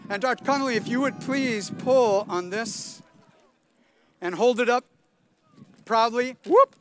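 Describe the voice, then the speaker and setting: At an outdoor stadium graduation, an older man speaks playfully into a podium mic and quizzes the audience. His very high voice runs a little slow, and there's slight background noise.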